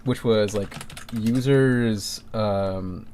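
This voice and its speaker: A man's voice: lowish voice, drawn-out words, a little mellow, clear, resonant tone. A young man co-hosting a casual podcast, talking animatedly with frequent laughs and stumbling restarts. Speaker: podcast co-host.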